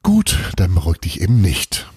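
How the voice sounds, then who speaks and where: A man's voice: low voice, wildly swooping pitch, moderate pace, darkish tone, breathy edge, no room sound, studio quality, full character voice. A man voicing a scheming, flighty old witch mother who drops Italian words into her teasing talk.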